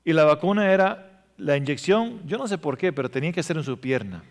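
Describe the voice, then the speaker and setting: A man preaching a sermon, telling emotional stories and swinging between loud passages and hushed ones. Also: on the high side, lively intonation, brisk. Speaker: pastor. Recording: reverberant hall.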